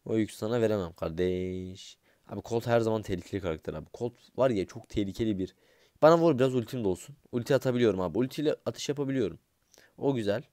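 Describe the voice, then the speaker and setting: A young man giving casual gameplay commentary, excitable and grumbling, swearing under his breath and talking straight to his viewers. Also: medium pitch, racing, dry recording, clean studio sound. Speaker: gaming YouTuber.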